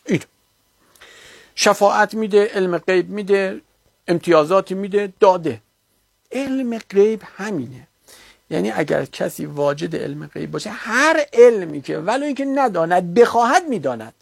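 Delivering a religious lecture, a man argues his position and rebuts an opponent with growing insistence until it turns heated. His high-sitting voice is expressive and slightly rough, with vocal fry, in a dry recording.

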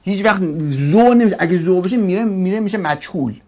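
A man teaching a grammar lesson to a class, drawing out each word form slowly and asking questions he then answers himself. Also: high voice, a little mellow. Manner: drills word forms slowly, stretching each syllable.

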